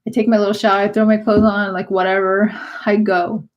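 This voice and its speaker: A woman's voice: mid-range voice, level tone, a little fast, lo-fi sound. A woman vlogger telling a personal story in a casual, rambling way, full of "like" and restarts. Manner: chatty, rambling, lots of "like" and restarts.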